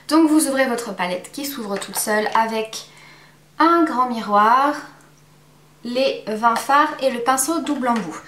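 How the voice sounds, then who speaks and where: Woman chatting through a makeup review, kinda high voice, echoey room. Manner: chatty, many filler pauses. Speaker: beauty vlogger.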